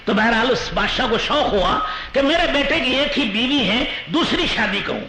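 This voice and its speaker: A male Islamic preacher telling a story in a sermon, animated, with chuckling asides. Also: extremely high pitch. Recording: roomy echo with faint noise.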